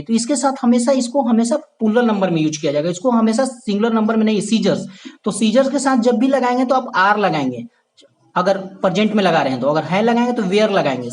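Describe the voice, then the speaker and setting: A man teaching a basic grammar lesson who repeats key points, checks in with listeners and calls them his dear friends. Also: sits high. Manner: addresses viewers as "my dear friend".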